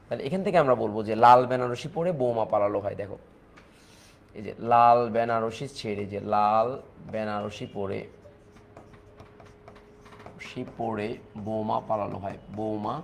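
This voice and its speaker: This man's voice is fairly low, steady and creaky, with a Bangladeshi accent. He teaches a chemistry lecture fast and repetitively, going over key points again and mixing in English phrases.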